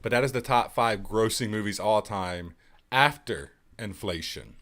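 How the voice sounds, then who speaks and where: A man's voice: fairly low pitch, measured pace, a bit bright. A man in his thirties hosting a casual live podcast, sarcastic and joking, swearing freely. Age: 30s. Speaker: podcast host.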